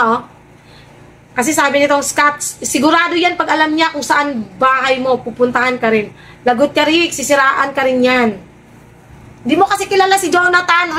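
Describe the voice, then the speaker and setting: A woman's voice: sits high, fairly bright tone, slight background noise. A woman vlogger in casual live-stream commentary, talking to her viewers in a sarcastic way and firing off rhetorical questions.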